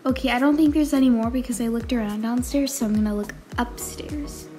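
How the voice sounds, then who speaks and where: A woman's voice: a little fast, soft background music. A young woman in a sleepy morning voice, narrating a role-play game and voicing its characters. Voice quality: soft and low. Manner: voices the game's characters in short lines. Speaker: game player.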